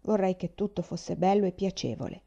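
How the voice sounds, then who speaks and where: A woman's voice: fairly low pitch, expressive, brisk, vocal fry, mellow, dull audio. A woman reading aloud, voicing a sensitive, dreamy young boy who fears pain, in a plaintive, pleading way.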